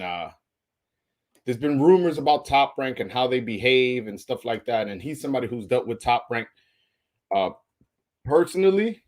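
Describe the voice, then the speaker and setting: A man hosts a casual boxing interview over a livestream. He talks loosely, often repeating words and restarting his sentences. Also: mid-range voice.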